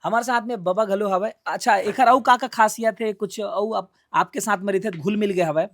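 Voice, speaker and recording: A woman interviewer with a Chhattisgarhi accent speaks in an easy, conversational way. She patiently coaxes a shy child, repeating simple instructions in a gentle voice. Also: medium pitch, normal speed. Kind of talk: casual street interview.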